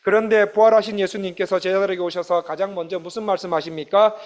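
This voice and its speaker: Male pastor, high voice, fervent sermon delivery. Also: fairly even intonation, fast talker. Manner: impassioned, dramatically voices Jesus and disciples.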